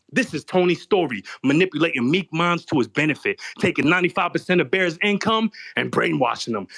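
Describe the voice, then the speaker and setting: Battle rapper, male, fairly high pitch, hard taunting delivery. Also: a bit bright. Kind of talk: battle rap verse.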